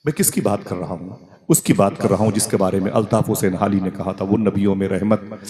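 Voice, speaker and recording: A man's voice: on the low side, fast talker, dark tone. A man preacher giving an emotional religious sermon, telling the story dramatically and calling on the crowd to respond. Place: religious gathering before a crowd. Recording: live gathering with crowd audible.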